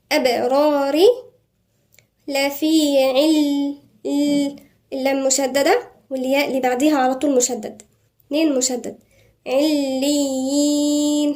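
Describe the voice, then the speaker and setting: A woman's voice: high-pitched, a little mellow. Egyptian woman teaching recitation. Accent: Egyptian Arabic. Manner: brisk explanations broken by slow, drawn-out model recitation. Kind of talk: tajweed lesson.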